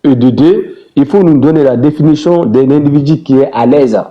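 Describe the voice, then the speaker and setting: A man's voice: medium pitch, normal speed, lo-fi sound, a little hiss or hum. An argumentative man in a heated online debate who presses his points and interrupts others. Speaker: debate participant.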